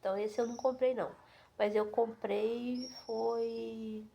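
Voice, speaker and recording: A woman's voice: fairly high pitch, level tone, measured pace, gravelly, warm tone. Chatty woman vlogging from home. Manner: chatty, many fillers and asides to viewers. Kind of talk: casual chat to camera.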